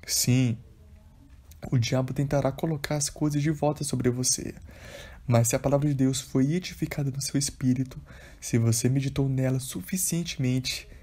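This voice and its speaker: Husky-voiced man reading a devotional book. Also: medium pitch, mellow. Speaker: audiobook reader.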